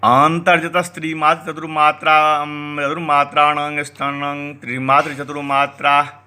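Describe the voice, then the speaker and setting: A male lecturer reciting Sanskrit grammar text and explaining it in Hindi, in a deliberate teaching manner. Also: fairly high pitch, completely flat delivery, bright, forceful tone, smooth. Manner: slow, deliberate explanatory delivery.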